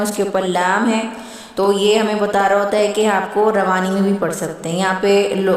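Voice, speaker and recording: A woman teaches recitation, chanting each verse slowly before explaining it in plain speech. Her voice sits at a middling pitch for a woman. The sound is heavily echoey and heard from some distance off the mic. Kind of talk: slow recitation lesson with explanation. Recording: very echoey room from far off.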